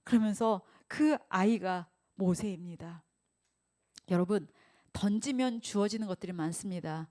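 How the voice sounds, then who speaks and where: A woman's voice: mid-range voice, a little slow. A woman pastor preaching a Sunday sermon, putting rhetorical questions to the congregation and acting out quoted speech. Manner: acts out quoted speech in lively voices.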